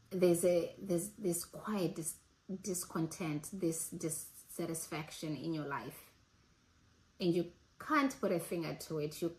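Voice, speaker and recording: Earnest low-voiced woman in her forties. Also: poor audio. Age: 40s. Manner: earnest, thoughtful, with restarts and pauses. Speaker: host. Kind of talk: reflective casual talk.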